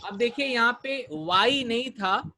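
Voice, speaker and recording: A man with an Indian English accent teaching pronunciation in an online class, drilling words slowly and mixing Hindi with English. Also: extremely high pitch, bright, forceful tone.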